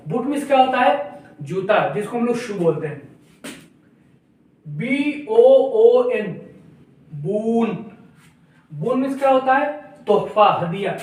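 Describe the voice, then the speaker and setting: Echoey man teaching phonics. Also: high voice. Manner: spells words out slowly, letter by letter, louder; asks viewers questions, then answers them. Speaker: English teacher. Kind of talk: phonics lesson to viewers. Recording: very echoey room, voice from a distance.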